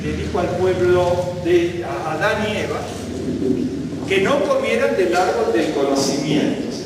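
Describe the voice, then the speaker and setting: Brief: male Bible teacher, high voice, animated sermon delivery, distant mic in a big reverberant hall. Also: background noise. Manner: animated, rising for quoted questions, self-correcting.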